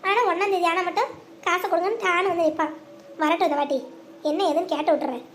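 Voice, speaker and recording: A high voice doing a grumbling village housewife. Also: fairly even intonation, fast, a bit bright, a little hiss or hum. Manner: grumbling, nagging. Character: grumpy middle-aged village housewife.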